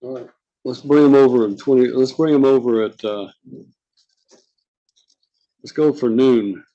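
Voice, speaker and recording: A man speaking as a judge in formal court proceedings, measured and procedural, with occasional hesitation. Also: medium pitch, steady tone, warm tone, dull audio. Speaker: judge presiding over a court docket. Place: indoor courtroom.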